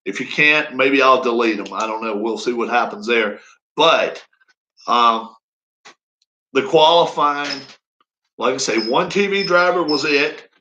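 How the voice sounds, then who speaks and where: A man's voice: medium pitch, unhurried, pauses often, sharp tone, highs cut off, slight background noise. A man in his fifties chatting casually on a live stream, rambling and folksy with frequent chuckles. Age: 50s. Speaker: racing league streamer.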